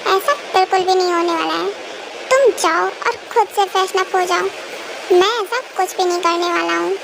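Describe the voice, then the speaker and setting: A short-tempered young mafia king barks orders and scolds, as a woman acts him out. The voice sits high with a gravelly edge. The homemade audio drama is noisy, with faint traffic behind. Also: fairly even intonation, moderate pace. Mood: irritated. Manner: scolding, impatient commands.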